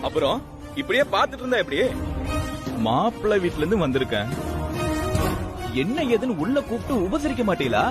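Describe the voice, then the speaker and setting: A man's voice: high-pitched, big pitch swings, fairly quick, pauses often. An actor playing a rude, cocky young man in a TV serial. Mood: insolent. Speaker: groom's brother. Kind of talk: TV serial acting. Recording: music under dialogue.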